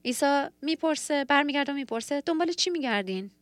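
Earnest higher-voiced woman preaching. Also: lively intonation, no room sound. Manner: earnest, reflective storytelling preaching. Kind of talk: sermon.

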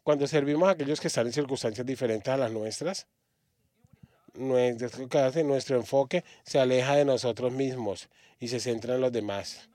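A man from Australia preaching a sermon in a church, halting often and restarting his words. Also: medium pitch, warm tone, dry recording, studio quality.

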